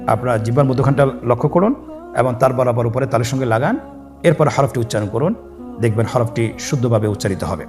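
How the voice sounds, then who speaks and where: A man's voice: medium pitch, darkish tone. Male Quran teacher, patient call-and-repeat drills, faint music underneath. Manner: slow call-and-repeat drilling, drawn-out sung letter names. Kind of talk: step-by-step Arabic letter lesson.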